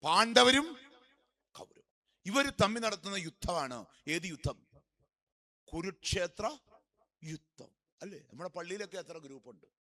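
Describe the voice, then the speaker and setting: A male priest preaching a sermon, quizzing the congregation with questions he answers himself, swinging between loud emphatic peaks and quiet low asides. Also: expressive, moderate pace.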